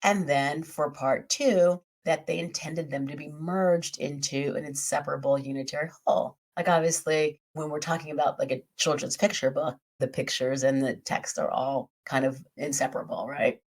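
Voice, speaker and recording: A woman with a slightly hoarse, scratchy voice, hosting a podcast and methodically explaining a topic through lists and examples. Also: sits low, steady tone, moderate pace, hardly any pauses, darkish tone. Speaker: podcast host.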